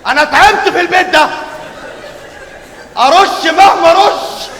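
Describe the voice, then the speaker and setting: An exasperated uncle scolding his nephew in an Egyptian stage comedy. He talks fast and sarcastically in Egyptian Arabic, very high, heard from afar in an echoing theatre. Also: lively intonation. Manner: sarcastic, repeats words back indignantly. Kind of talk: comic stage play acting. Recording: echoey theatre, distant mic, audience noise.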